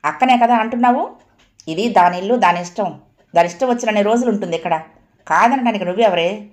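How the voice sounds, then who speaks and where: A woman voicing an angry young husband who speaks harshly and sarcastically, shouting, in an audiobook reading. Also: medium pitch, brisk, reverberant, natural voice.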